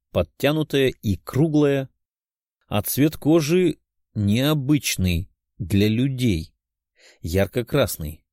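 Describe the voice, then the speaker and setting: Male audiobook narrator, slow and lively in pitch, dry close mic. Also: no echo. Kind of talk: scripted narration.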